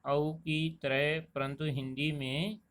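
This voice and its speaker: A man teaching a Hindi grammar lesson, explaining pronunciation slowly and deliberately and drawing out each example word. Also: a little high, flat delivery, fairly bright tone. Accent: Rajasthani Hindi. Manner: slow, deliberate explanation, stretching out example words. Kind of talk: classroom lesson.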